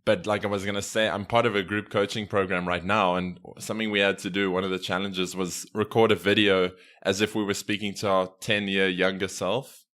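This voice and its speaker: A man in his twenties hosting a casual podcast interview, relaxed and hesitant with many ums. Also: deep voice, fairly quick. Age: 20s. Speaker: podcast host.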